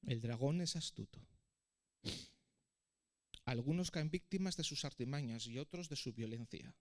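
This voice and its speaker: A man's voice: medium pitch, normal speed, pitched below the performer's own voice, natural voice. A man voicing a tender, solemn king. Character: loving old king, tender and firm.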